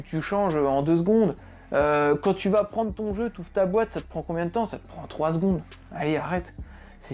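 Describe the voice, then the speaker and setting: A man's voice: on the high side, darkish tone. Blunt, slangy man ranting off the cuff. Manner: blunt and slangy, sweary, repeats himself; exasperated, many rhetorical questions. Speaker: gaming video creator. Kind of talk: unprepared casual rant.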